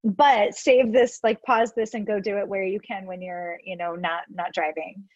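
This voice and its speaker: A woman's voice: mid-range voice, steady tone, normal speed, darkish tone, no room sound, dull audio. A woman with a stuffed-up nose, casually explaining breathing exercises step by step with lots of "like" fillers. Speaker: yoga teacher guest. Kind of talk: casual instructional chat.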